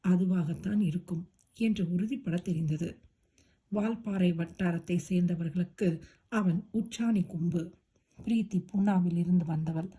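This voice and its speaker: A woman narrating a romance novel as an audiobook, with steady, expressive storytelling. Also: lowish voice, a little slow, slightly rough.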